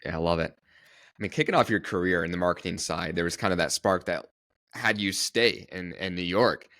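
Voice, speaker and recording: A man's voice: deep voice, normal speed, a bit bright, dry recording. A man hosting a podcast, asking questions in a friendly, affirming way. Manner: friendly, affirming with brief interjections. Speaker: podcast host. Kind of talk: interview hosting.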